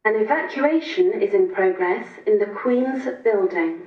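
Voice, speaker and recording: A woman's voice booms from a public address loudspeaker some way off, dull and muffled as it carries through an echoey courtroom. She speaks very slowly as incident control officer, giving a measured emergency notice in repeated official phrasing. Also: lively intonation, distant mic. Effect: heard over a public address loudspeaker.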